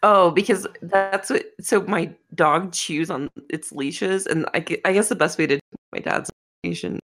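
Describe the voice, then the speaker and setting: Young woman co-host, low-pitched, rambling, laughing chat. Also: a little slow, a bit bright. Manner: rambling, laughs often, self-interrupting. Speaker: podcast co-host. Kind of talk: casual chat.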